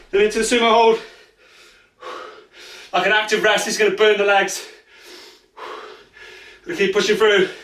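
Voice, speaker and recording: In a small home space, a winded man guides a follow-along workout as an instructor, counting down and encouraging with urgency. His voice sits high and a bit bright, with slight background noise. Captured far from the mic, the sound bounces around an echoey room.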